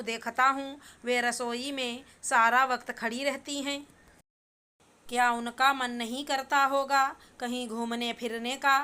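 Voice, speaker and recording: A calm young son-in-law reasons patiently, as a woman reads him. The voice stays high, bright and smooth. The delivery is even and unhurried. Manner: calm, persuasive. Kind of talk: storybook reading.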